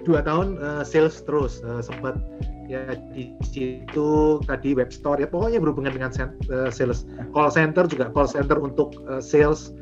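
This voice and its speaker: A man's voice: a little high, moderate pace. A man in his forties, a guest on an interview show, telling his story casually with lots of fillers and acted-out back-and-forth. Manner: animated, acts out remembered dialogue, frequent fillers. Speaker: guest, property and franchise investor. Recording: dull lo-fi audio with music underneath.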